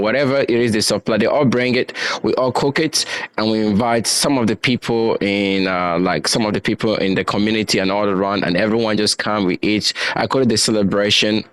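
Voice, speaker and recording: A middle-aged man from Nigeria, raised in Italy, a chef telling stories in an interview with lively restarts. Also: on the low side, no echo. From Nigeria, raised in Bologna, Italy. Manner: animated storyteller with frequent restarts. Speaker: chef and restaurant owner, guest. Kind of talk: conversational interview.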